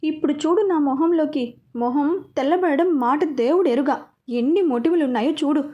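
A woman's voice: sits high, lo-fi sound, natural voice. A woman voicing a fussy, demanding customer of about forty who complains readily. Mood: indignant. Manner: complaining, quick to take offense.

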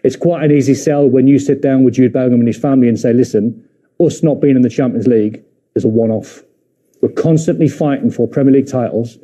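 A man's voice: medium pitch, quick pace, dark tone. A middle-aged man giving football punditry in a TV studio, emphatic and repeating his points, on a lapel mic.

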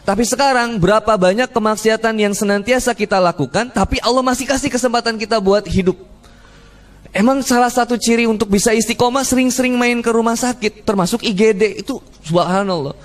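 High-voiced jokey preacher. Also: male voice, fairly quick. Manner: jokey, acts out dialogue, frequent laughter from crowd. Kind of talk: humorous sermon storytelling.

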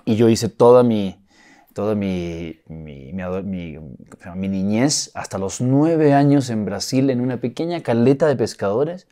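Male interview guest, low and mellow, Mexican accent, reflective with restarts. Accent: Mexican Spanish, acquired. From Chile. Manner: reflective, with frequent restarts and soft laughs. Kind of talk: casual interview talk.

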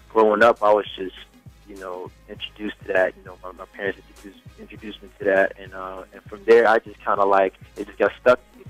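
In poor-quality audio, a young Swedish man with a fairly low voice chats as a singer guest on a radio interview. Swedish is his first language, and he's laid-back, sprinkling in lots of "you know."

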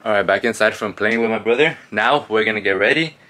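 Young man, low pitch, casual fitness vlog chat, clearly noisy ambient recording. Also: quick pace, sharp tone. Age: young adult. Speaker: fitness vlogger.

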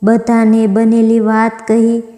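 Slow, flat-voiced woman telling a devotional tale. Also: a little high, soft background music. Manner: slow, even, recited delivery. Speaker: storyteller. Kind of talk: devotional vrat story narration. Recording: echoey room with long reverb.

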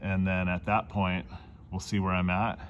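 A man doing dent repair outdoors, explaining his work in a relaxed, casual way as he films on a phone. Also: low-pitched, moderate pace, dull audio, slight background noise. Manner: relaxed, explanatory, talks between tasks. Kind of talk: casual how-to narration while working. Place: outdoors in a parking lot beside a car.

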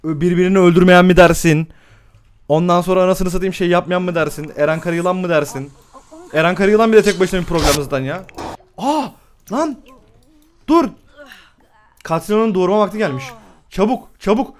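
A young man giving excitable live commentary on a game, swearing often and laughing a lot. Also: sits high, fairly quick, long pauses. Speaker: gameplay streamer.

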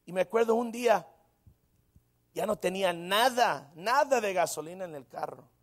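Animated high-voiced preacher. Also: male voice, moderate pace. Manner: animated storytelling with frequent exclamations. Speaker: pastor. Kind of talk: sermon.

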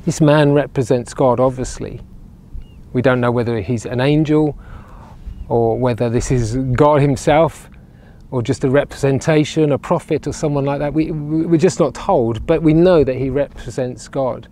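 Speaking at normal speed in a mellow, mid-range voice, the regional minister preaches earnestly to camera. The setting is outdoors by ruined castle walls on a sunny day; his clip-on lapel mic catches him repeating words as he builds his point.

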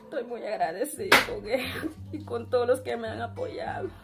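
A young Guatemalan woman speaks in a fairly high voice, recounting her struggles with tears close to the surface. She keeps slipping into the words she said to her children. Loud music runs under the recording. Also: lively intonation, normal speed, gravelly. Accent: Guatemalan Spanish. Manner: tearful, retells conversations in quoted speech. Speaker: interviewee, struggling mother. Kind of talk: emotional personal account.

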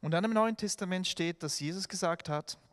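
A man's voice: high-pitched, a little fast. A man preaching a sermon in a church, telling stories animatedly with restarts and filler sounds. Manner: animated storytelling with acted-out quotes. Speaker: pastor.

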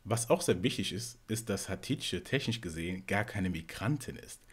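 A man from Togo, a panelist in a casual discussion, talking in a measured, analytical way. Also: low voice, animated, breathy edge.

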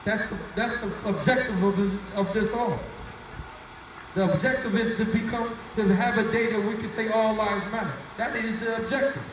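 A man's voice: high-pitched, background noise. A man emceeing a night rally on a mic in an outdoor plaza, speaking earnestly and repeating his key phrases. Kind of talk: speech to a crowd at a rally. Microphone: handheld mic through speakers, filmed from afar. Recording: echoey outdoor PA, far phone camera.

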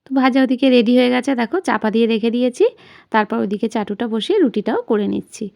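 A woman's voice: fairly high pitch, fairly even intonation, fast, creaky, darkish tone. A woman in her thirties chatting casually to viewers as friends while doing chores in her home kitchen, recorded on a phone. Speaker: home vlogger. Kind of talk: casual home vlog narration.

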